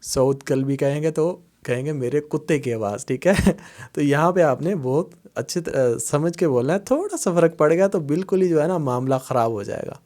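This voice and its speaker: A man teaching Arabic words, explaining patiently in a slow lesson style and repeating each word. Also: a little high, expressive, a little mellow. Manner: repeats words slowly, many fillers and "theek hai".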